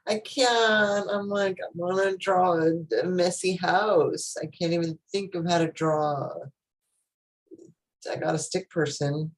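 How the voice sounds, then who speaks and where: A woman's voice: on the low side, steady tone, a little slow. A woman student in an online class, chatting casually and laughing at her own attempts. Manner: self-deprecating, laughing often.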